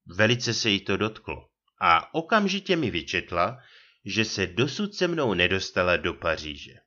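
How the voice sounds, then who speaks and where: A man narrates a comic short story in a dry, ironic manner. His voice is bright and sharp, and his pitch rises and falls very freely. The audio sounds somewhat dull and lo-fi. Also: very animated. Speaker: audiobook reader. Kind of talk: humorous short story reading.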